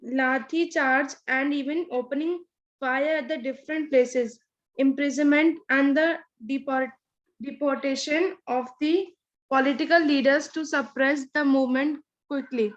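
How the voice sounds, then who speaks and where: A female student with an Indian accent reading a history textbook aloud, sometimes restarting words. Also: high voice. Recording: dull, lo-fi online call audio.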